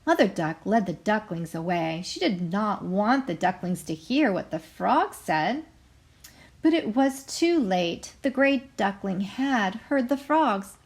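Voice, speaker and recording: A woman teacher reads a story aloud to young children with expressive, carefully enunciated delivery, stopping now and then to explain things. Her voice sits in the mid range.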